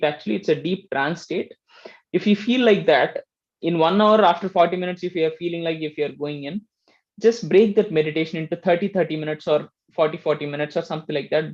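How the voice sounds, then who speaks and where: A man teaching meditation in a gentle, explaining way, often checking in with "right?". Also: on the high side, muffled recording. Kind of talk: casual spiritual teaching talk.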